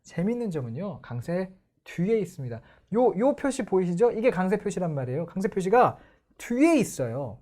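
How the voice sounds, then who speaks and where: Lively Korean woman teaching pronunciation. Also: fairly low pitch, moderate pace. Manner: explanatory, asks the viewers questions. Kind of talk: online lecture.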